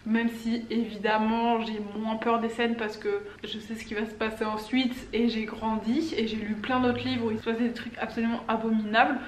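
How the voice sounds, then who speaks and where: Young woman, casual vlog chat, slightly high voice, meandering, roomy echo. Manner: chatty, rambling, loses her train of thought. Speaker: book vlogger. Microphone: camera or phone on a stand. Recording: echoey room with faint background noise.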